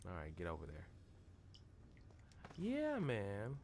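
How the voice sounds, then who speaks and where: A man's voice: lowish voice, huge pitch swings, slow, a little mellow, slight background noise. A young man streaming a video game, chatting casually in a rambling, jokey way. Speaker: gaming streamer. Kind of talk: casual gameplay commentary.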